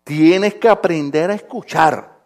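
A man doing a hushed, calm old prophet. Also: a little high, a little slow, pitched below the performer's own voice.

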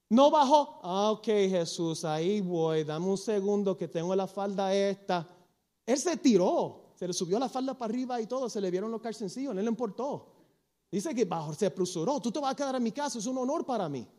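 High-voiced man preaching animatedly. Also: moderate pace. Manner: animated storytelling, acting out quoted lines; slips into English phrases. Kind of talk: sermon.

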